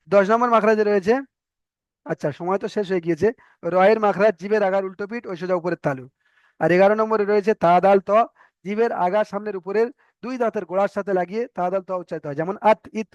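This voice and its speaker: A man with a Bengali accent teaching Arabic letter sounds in an online lesson, repeating each sound slowly for learners to practise. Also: high voice, no room sound, dull audio. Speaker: Quran recitation teacher.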